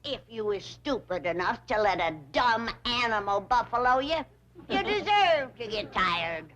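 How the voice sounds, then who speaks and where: An actress playing a sharp-tongued old hillbilly grandmother with a drawl, scolding, in 1960s sitcom style. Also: fairly high pitch, very animated, measured pace, noisy background. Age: older.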